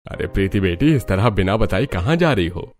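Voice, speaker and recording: Man playing a mild cartoon dad, low and soothing. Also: expressive, normal speed, darkish tone. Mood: gentle. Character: calm gentle middle-aged father.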